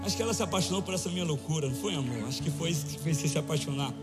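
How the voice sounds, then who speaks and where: A man preaching a sermon, telling a personal story in a playful, animated way and building to loud exhortation. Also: fairly high pitch, racing. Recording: echoing hall with faint music under.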